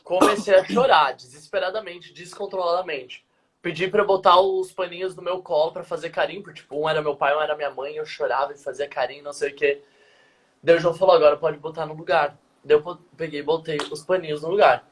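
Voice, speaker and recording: Talking fast in a fairly high voice, this young man, a dance teacher, recounts something that happened to him during a relaxed video-call live stream. He performs each line of dialogue with lively, vivid energy.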